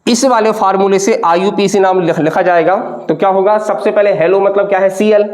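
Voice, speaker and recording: A man's voice: high-pitched, steady tone, fairly quick, a little mellow. A man teaching a chemistry lesson to students, patient, often asking questions back and repeating the answers. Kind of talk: classroom lecture.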